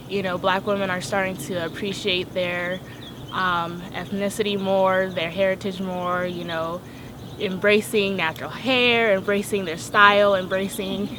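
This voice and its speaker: A young woman answers interview questions in a measured, thoughtful way at a middle pitch. Clear background noise sits behind her voice throughout. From Tucson, Arizona. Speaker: interviewee, university graduate.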